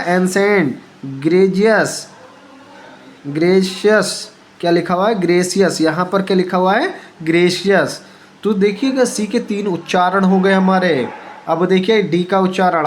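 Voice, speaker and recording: Guy teaching pronunciation real slow, spells stuff out letter by letter and keeps asking you back. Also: high voice, a little hiss or hum. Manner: spells words letter by letter and quizzes the viewer. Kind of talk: spoken pronunciation lesson.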